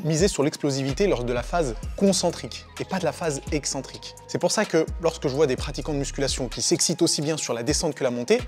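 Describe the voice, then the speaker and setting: A man who coaches fitness, talking fast and confidently as he gives quick, blunt opinions in a relaxed way. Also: fairly high pitch. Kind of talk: quick-fire opinion answers.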